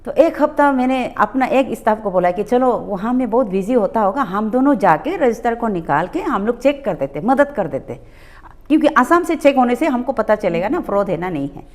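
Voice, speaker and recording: Animated middle-aged woman telling a story. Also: a little high, moderate pace. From Arunachal Pradesh, India. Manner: animated, acts out quoted exchanges, mixes in English words. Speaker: public health nursing officer, guest. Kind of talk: conversational storytelling.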